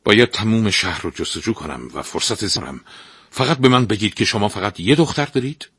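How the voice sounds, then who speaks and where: A man's voice: on the low side, expressive, husky, no echo, studio quality, heavily acted. A man voicing an impatient young prince in a spoken storybook tale, cutting others off and raising his voice. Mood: impatient, shouting. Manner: impatient, loud outbursts.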